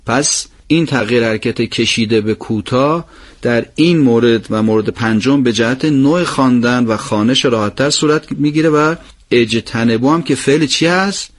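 A man teaching a recitation lesson. He explains each rule, asks questions and answers them himself, then recites the phrases slowly. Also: medium pitch.

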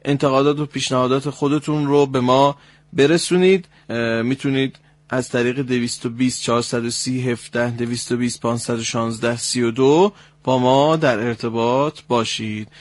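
A man hosting a radio program, calmly correcting a caller's recitation and demonstrating sounds. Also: mid-range voice, dry recording. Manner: explains points slowly, demonstrates sounds. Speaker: radio host and Quran recitation teacher. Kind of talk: instructional radio talk.

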